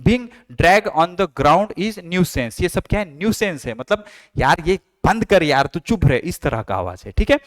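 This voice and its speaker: Lively man teaching science, dry close mic. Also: high voice, dry recording. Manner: mixes Hindi and English, asks and answers own questions; reads English textbook lines slowly, then explains them. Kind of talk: online science lesson.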